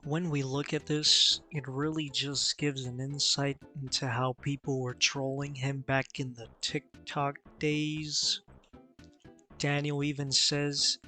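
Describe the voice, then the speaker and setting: A man's voice: medium pitch, bright, forceful tone. A man hosting a scripted commentary in a mocking manner. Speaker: commentary host.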